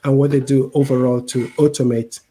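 Speaking a little fast with little pitch movement, a middle-aged man from Cameroon explains things in an interview. He's a tech executive with a mixed international accent, and his dark, breathy voice keeps circling back with repeated words and "right?" tags.

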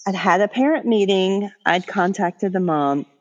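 A woman's voice: medium pitch, a little slow, muffled recording. A woman middle school teacher co-hosting a podcast, telling chatty anecdotes with laughs. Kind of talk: casual chat.

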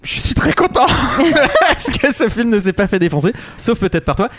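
A man's voice: very high-pitched, very animated, normal speed, fairly bright tone, no echo, studio quality. A man from Brittany chatting enthusiastically on a film podcast panel, laughing easily and restarting his sentences. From Brittany, France. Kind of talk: casual panel chat.

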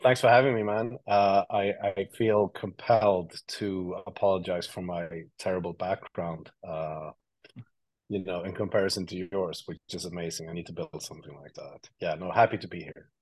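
Guest from Sweden, 30s, deep dry voice, laid-back rambling storyteller. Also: male voice, moderate pace, dry recording, poor audio. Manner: relaxed storytelling with many fillers and restarts. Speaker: guest, creative officer. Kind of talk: casual interview talk.

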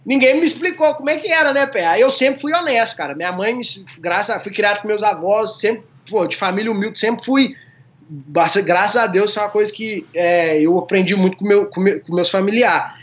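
A man from a small town in Minas Gerais, Brazil, visits as a guest and casually tells funny stories, laughing often. His voice is high-pitched, a little fast and a bit bright, heard through dull lo-fi sound.

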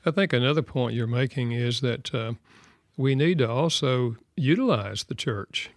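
An older man hosting a conversation, speaking in a measured, reflective way with frequent "uh, you know". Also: mid-range voice, no room sound, studio quality. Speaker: host. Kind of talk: casual chat.

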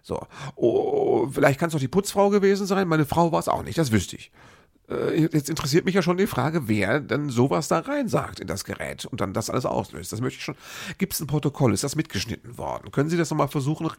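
A man's voice: mid-range voice, big pitch swings, brisk, gravelly, breathy edge, no room sound, clean studio sound. A middle-aged man telling a long personal story in a casual, rambling way, with many restarts and asides to the listener.

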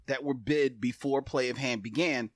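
A man's voice: medium pitch, dry recording, clean studio sound. A man co-hosting a podcast in casual chat, curious and questioning, reading aloud at times. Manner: curious, questioning, quick to laugh. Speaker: podcast co-host.

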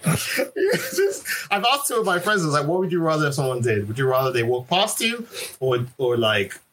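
An animated young man chats casually with friends, his pitch swinging widely as he tells a story and fills it with "like". The recording has a clear hiss of noise and odd clicks behind him. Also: normal speed. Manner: animated storyteller, heavy use of "like". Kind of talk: casual chat among friends.

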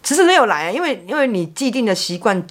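Fast, lively Taiwanese Mandarin woman. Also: fairly high pitch. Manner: frank, blunt, swears and repeats words. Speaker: podcast guest. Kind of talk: personal storytelling chat.

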